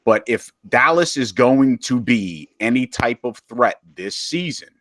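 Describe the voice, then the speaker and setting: A man's voice: mid-range voice, expressive, fairly bright tone, no echo, clean studio sound. A man co-hosting a casual football podcast, steadily reasoning through statistics. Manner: measured, reasoning through stats. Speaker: podcast co-host. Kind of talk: casual sports podcast chat.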